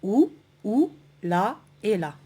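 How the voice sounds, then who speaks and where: A woman teaching a French grammar lesson, speaking slowly and deliberately, repeating phrases and asking the viewer questions. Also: mid-range voice, sing-song, dark tone, slightly rough.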